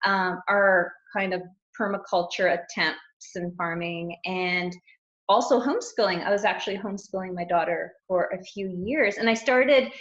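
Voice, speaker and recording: A woman's voice: mid-range voice, fairly bright tone. A middle-aged woman, a guest coach, chatting casually in an interview, rambling and laughing often. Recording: roomy, dull lo-fi sound.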